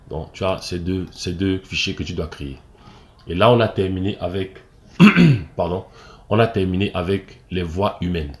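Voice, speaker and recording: A man with a Cameroonian French accent, an acting coach explaining step by step, with fillers and restarts and frequent "ok?" checks. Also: low-pitched. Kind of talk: screen-recorded tutorial.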